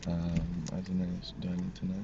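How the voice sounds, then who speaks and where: A man's voice: low-pitched, monotone, fast, gravelly, warm tone. A man who is learning to drive, giving short, laid-back answers from inside a car. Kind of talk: casual chat. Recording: distant, dull, noisy car interior.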